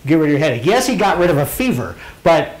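A man's voice: fairly high pitch, very animated, fast. A man teaching a Bible class in a conversational way, asking his students questions and calling on them to read. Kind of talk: informal Bible lesson to a class.

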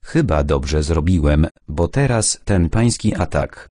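A fussy, excitable old gentleman who bristles quickly and then warms into a jovial manner, read by a man in an audiobook. The voice sits very low and deep. It sounds close and dry, with no room around it. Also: no room sound, full character voice. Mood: cheerful. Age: older. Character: nervous, cheerful older man, treasure seeker. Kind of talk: audiobook character voice.

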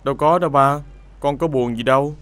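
An actor playing a young restaurant owner, a defensive lovesick son, with a Southern Vietnamese accent. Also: male voice, medium pitch, a little fast, fairly bright tone, clean tone, close to an everyday voice.

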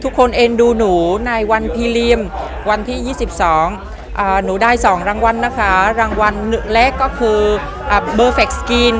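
A 19-year-old woman from Vietnam with a Vietnamese accent, speaking halting, simple non-native Thai as a pageant contestant in a casual interview. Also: mid-range voice. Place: busy indoor backstage makeup room. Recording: loud music and chatter behind.

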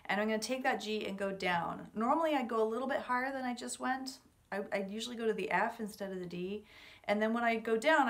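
A woman's voice: mid-range voice, a bit bright. Casual woman teaching a music exercise. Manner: encouraging, informal, explaining step by step. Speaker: horn teacher. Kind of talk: casual instructional talk for a practice exercise. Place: medium-sized living room at home, indoors. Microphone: camera or laptop mic about a metre away.

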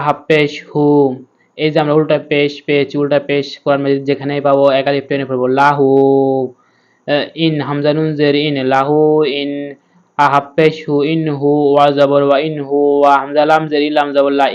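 A man teaching Quran reading, patiently spelling out each letter and sound in a slow step-by-step lesson. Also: a little high, monotone, clean tone, muffled recording.

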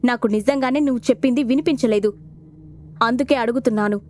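A woman's voice: fairly high pitch, fast talker, a little mellow, lightly acted. A woman voicing a blunt man who gets exasperated, in an audio storybook. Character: blunt, confused man, a fighter.

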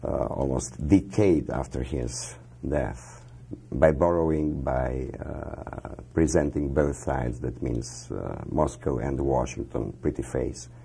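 Appearing as a guest in a TV studio, this man in his fifties speaks with a Croatian accent and an extremely low, creaky, dark voice carrying a breathy edge. He responds to questions in a measured, halting manner, pausing often and using many fillers.

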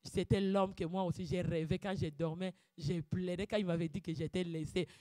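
A woman giving a fervent preaching testimony, breaking into loud shouted calls of praise and dropping to quiet, low asides. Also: fairly even intonation, normal speed, dry recording, clean studio sound. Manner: drops to quiet, low asides between outbursts. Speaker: church speaker giving testimony.

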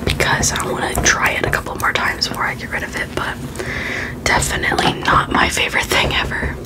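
Casting: woman for whispered ASMR vlog, soft and fully breath-voiced, informal, opinionated chat. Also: brisk. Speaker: beauty vlogger.

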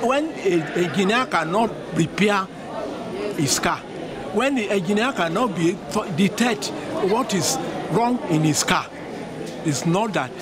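A man's voice: high voice, expressive, a little slow. An older man in his sixties, an educationist giving his views in an outdoor street interview, speaking earnestly with frequent restarts and repeated phrases. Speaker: educationist interviewed in a vox pop. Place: outdoors by a school building. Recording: crowd noise loud behind. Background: loud crowd chatter.

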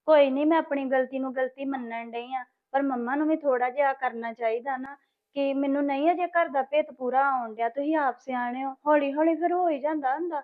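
Patient young wife; woman, high voice, thin phone-quality sound. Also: a little fast. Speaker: young wife and narrator in a family drama. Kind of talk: amateur family drama acting.

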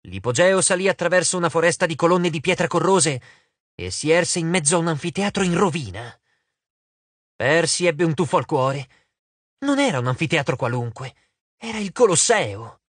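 A man narrating an audiobook with expressive storytelling. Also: on the high side, no room sound.

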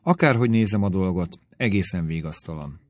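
A man's voice: deep voice, animated, a little mellow, dry recording. A male audiobook reader voicing a distressed young woman with an urgent, pleading delivery. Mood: anxious.

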